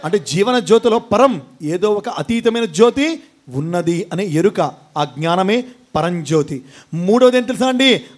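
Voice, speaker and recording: A man gives a fervent devotional sermon to a gathering, his voice pitched high for a man. He reels off long chains of titles and keeps asking his listeners questions. Now and then he breaks into chants and call-outs. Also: animated, moderate pace. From India. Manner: fervent, chanting lists of epithets, quizzing the audience. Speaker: devotional speaker.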